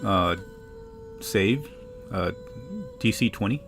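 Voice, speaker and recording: A man narrating an improvised tabletop game as game master, with halting, deliberate storytelling. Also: on the low side, animated, fairly bright tone, faint music behind.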